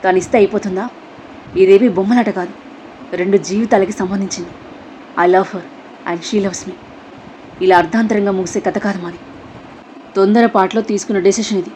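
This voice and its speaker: A woman's voice: mid-range voice, fairly even intonation, normal speed, long pauses, darkish tone, slight background noise, close to an everyday voice, poor audio. A woman voicing a possessive, hot-tempered young husband in an audio story, speaking in clipped commands. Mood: stern.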